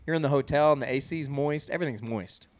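A man's voice: fairly high pitch, fast. A young man co-hosting a podcast, telling stories in casual chat in a playful way. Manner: playful storyteller, does voices. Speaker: podcast co-host.

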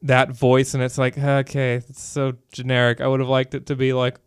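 A man co-hosting a casual podcast, talking fast and loose with lots of "like" and "you know". His voice sits in an ordinary middle pitch. The sound is dry and close, with no room around it. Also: clean tone, dry recording. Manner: animated, filler-heavy geeky talk. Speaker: podcast co-host. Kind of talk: casual chat.

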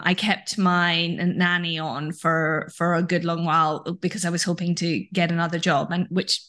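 A woman's voice: lowish voice, fairly bright tone. A woman in her forties, a guest author on a video call interview, chatty and self-deprecating with frequent ums and light laughs. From Scotland.

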